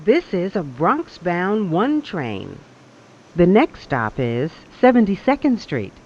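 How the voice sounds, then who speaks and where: Recorded subway announcer over the train speaker, very sing-song pitch, slow and spaced out. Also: huge pitch swings. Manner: measured, evenly spaced phrasing. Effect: played over a train loudspeaker. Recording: dull lo-fi train loudspeaker.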